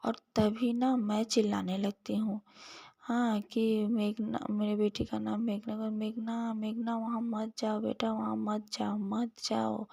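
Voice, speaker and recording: A woman in her thirties, an earnest devotee telling a personal dream story in a soft, storytelling voice that sometimes falls to a near whisper. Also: medium pitch, creaky, breathy edge, no room sound. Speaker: devotee sharing a satsang testimony.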